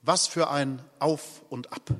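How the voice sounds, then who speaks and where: Slow-preaching pastor in a reverberant church. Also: male voice, a little high, steady tone. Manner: solemn, deliberate preaching with wide swings in loudness. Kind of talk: sermon.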